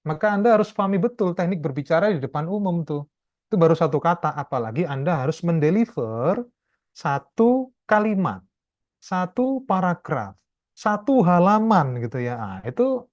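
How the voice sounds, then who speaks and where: A man lecturing a class over a video call, explaining step by step in a chatty way and often tagging his sentences with quick checks. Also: fairly high pitch, very animated, darkish tone, no room sound, muffled recording. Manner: chatty, explanatory, keeps adding tag questions. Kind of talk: online class talk.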